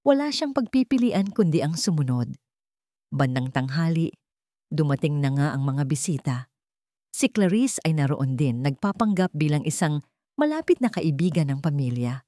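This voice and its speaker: A woman with a Filipino accent narrates a dramatic scripted story in audiobook style. Her voice is deep and a little mellow, recorded with clean studio sound and no echo.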